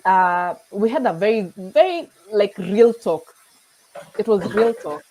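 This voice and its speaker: A woman's voice: mid-range voice, animated, unhurried, mellow, a little hiss or hum, poor audio. A young Kenyan woman with a Kenyan accent, chatting as a guest on a video call, laughing often and slipping into Swahili. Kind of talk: casual interview chat.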